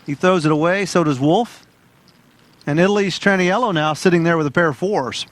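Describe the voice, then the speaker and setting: A man's voice: a little high, a little fast. A man giving plain, matter-of-fact play-by-play on a poker tournament. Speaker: poker commentator.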